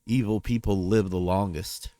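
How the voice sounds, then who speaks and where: A man's voice: sits low, steady tone, moderate pace, warm tone, no echo. A man talking casually in a personal vlog update, rambling, trailing off and correcting himself as he goes. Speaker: vlogger.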